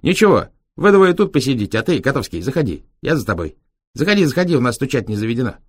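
A man's voice: mid-range voice, big pitch swings, fast talker, dry recording, studio quality, voice pushed up. A man voicing a cheeky, streetwise young Roma taxi driver who talks in brash, slangy, sly banter. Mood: brisk.

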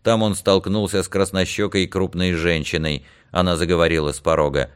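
A man reading an audiobook in a measured, even narration. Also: sits low, clean tone.

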